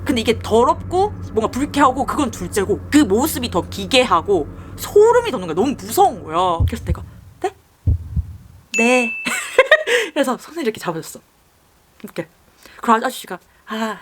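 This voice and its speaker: A woman's voice: mid-range voice, quick pace, background noise. A young woman casually telling creepy personal stories while doing her makeup, acting out the people in them. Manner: lively, mimics the people in her story. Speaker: storyteller.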